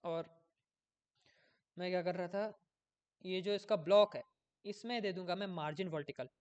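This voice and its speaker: A man's voice: high-pitched, steady tone, moderate pace, a little mellow, clean tone, muffled recording. Man thinking aloud through code. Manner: thinks aloud while coding, often loses his place; chatty, checks in with viewers. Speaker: coding tutor. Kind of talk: casual screen-recorded coding tutorial.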